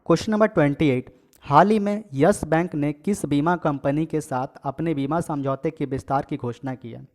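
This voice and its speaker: An exam coaching teacher leads a casual quiz lesson at normal speed, his voice higher-pitched and darkish in tone. He reads the questions and options aloud, supplies the answer, repeats each question, and adds filler checks such as "okay."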